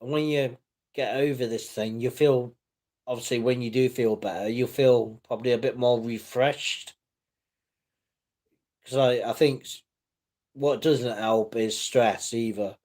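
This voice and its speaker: A man's voice: mid-range voice, fairly even intonation, unhurried, long pauses, a little mellow. A middle-aged man from the UK hosting a livestream, chatting casually and reassuringly as he reads viewer comments. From United Kingdom. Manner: rambling and reassuring, with restarts. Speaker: livestream host. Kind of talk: casual live-stream chat reading viewer comments.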